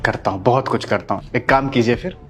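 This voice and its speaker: A man's voice: mid-range voice, fast, soft background music, lightly acted. An actor playing a defiant, angry husband who taunts and insults his mother-in-law. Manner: taunting, shouting.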